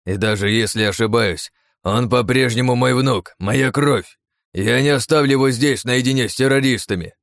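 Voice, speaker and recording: A man's voice: mid-range voice, moderate pace, no room sound, clean studio sound, pitched above the performer's own voice, natural voice. A man voicing a stubborn, loyal old grandfather in an audiobook, speaking urgently in a raised voice. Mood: earnest.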